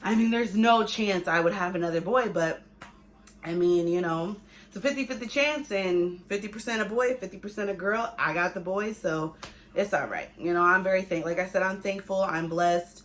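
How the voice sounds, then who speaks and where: A young adult woman who family-vlogs as a pregnant mother gives viewers a pregnancy update in a casual, chatty way, repeating herself for emphasis. Her voice is medium-pitched and a bit bright, at a normal speed.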